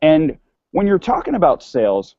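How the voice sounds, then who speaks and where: A man's voice: a little high, huge pitch swings, normal speed, warm tone, dry recording, muffled recording. A man giving an online sales course lecture in a casual way, often repeating words and restarting sentences. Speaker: sales instructor.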